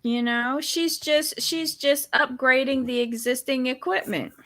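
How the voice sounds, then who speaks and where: A high-pitched, fairly bright voice stays steady and unhurried as this woman reviews a reality show on her podcast. She co-hosts in a casual commentary style, reacting bluntly, sassily and with exasperation.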